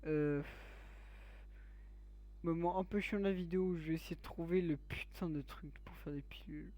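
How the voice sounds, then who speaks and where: A man's voice: a little high, steady tone, normal speed, warm tone. Crude, joking young-sounding gamer man. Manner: crude, teasing banter with viewers. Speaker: gaming YouTuber. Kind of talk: let's play commentary.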